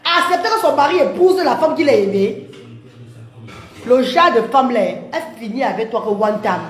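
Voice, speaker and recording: A woman with a high, animated voice hosts a livestream at a moderate pace, reading comments and chatting casually with viewers. She laughs often and calls them maman and papa. The room is echoey.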